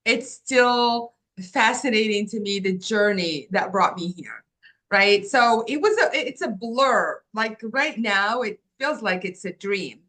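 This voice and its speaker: This woman's mid-range voice is animated yet slow, with a pushed, bright quality. In her fifties and from Morocco, the agency founder is an interview guest telling her life story earnestly and reflectively, using many "um"s and "like"s.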